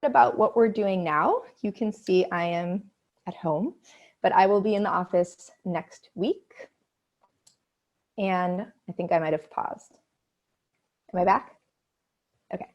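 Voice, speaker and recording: A woman's voice: lowish voice, unhurried, long pauses, lo-fi sound. A woman representing a university, giving an upbeat, chatty webinar presentation from home over a video call.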